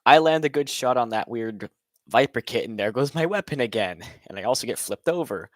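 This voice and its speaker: A man's voice: mid-range voice, lively intonation, a little fast, slight background noise. A man casually narrating a recap of a robot fight over footage, rambling with many fillers and restarts. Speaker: robot builder recapping his event.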